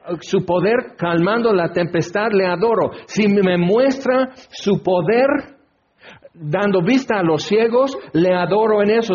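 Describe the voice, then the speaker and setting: A man delivers an expository sermon in a high, slightly husky voice. He reads scripture passages aloud and presses the listeners with repeated rhetorical questions. The recording sounds muffled and lo-fi. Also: a little mellow. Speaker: preacher. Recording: dull lo-fi recording.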